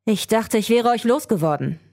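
Woman voicing a male researcher villain, gloating, theatrical, mellow, storybook reading. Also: on the high side, animated, moderate pace, pitched above the performer's own voice. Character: scheming male researcher villain craving world power.

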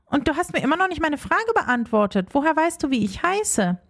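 A woman's voice: high-pitched, brisk, voice pushed up. A woman voicing Leonie, a curious young schoolgirl who is easily startled, in a storybook reading. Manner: excited, questioning.

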